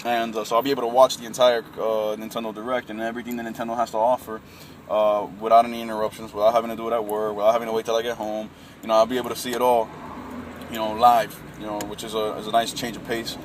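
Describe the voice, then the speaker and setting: In a fairly low, flat voice and at a quick pace, a man in his late twenties rants casually to camera about gaming, using plenty of fillers and saying "man" and "bro" to everyone. He's recorded on a distant mic, with heavy traffic, air conditioning and city vehicle noise in the background.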